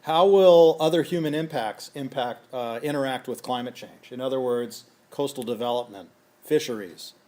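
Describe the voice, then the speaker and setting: A scientist giving a lecture, a man whose voice is going hoarse and who keeps clearing his throat as he works methodically through a series of questions. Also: mid-range voice, measured pace, dark tone. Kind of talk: conference lecture.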